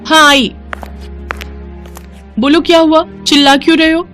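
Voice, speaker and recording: A woman voicing a young daughter-in-law in a cartoon, quick, defensive and excitable. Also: fairly high pitch, soft background music, voice pushed up, natural voice. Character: young wife, fibbing, flustered daughter-in-law. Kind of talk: cartoon voice acting.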